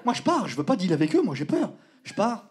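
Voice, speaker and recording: A young man telling a stand-up story on stage, animated, acting out voices and sometimes shouting. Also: high-pitched, fast talker. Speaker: stand-up comedian. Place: theater stage before a live audience. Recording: live show with loud laughing crowd and noise.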